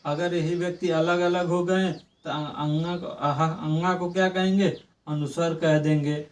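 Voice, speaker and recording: A young man teaching an exam-prep grammar class, repeating points and asking and answering his own questions, drawing out sounds slowly when he demonstrates them. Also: a little high, little pitch movement, distant mic.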